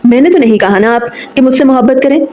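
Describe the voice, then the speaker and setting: A woman's voice: high-pitched, fast, warm tone, reverberant, dull audio, pitched above the performer's own voice, lightly acted. A woman reading a firm, possessive young groom. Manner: firm, commanding.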